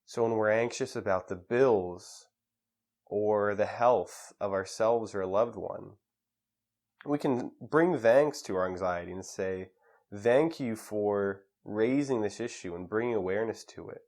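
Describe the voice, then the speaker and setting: A man with a fairly low voice leads a guided meditation. He speaks calmly and steadily, pausing between each phrase.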